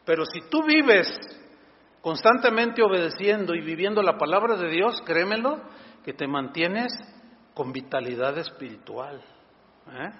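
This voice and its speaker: A man, a pastor, preaching a sermon in an animated way and acting out quoted voices. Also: measured pace. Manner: animated, acts out quoted voices in a higher pitch. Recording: dull sound with long hall reverb.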